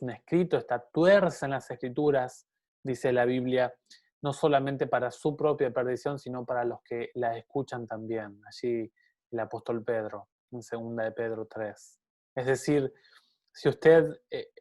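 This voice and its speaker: An earnest male Bible teacher delivers a sermon at a middle pitch. He speaks to his listeners directly and poses rhetorical questions as he goes. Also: darkish tone.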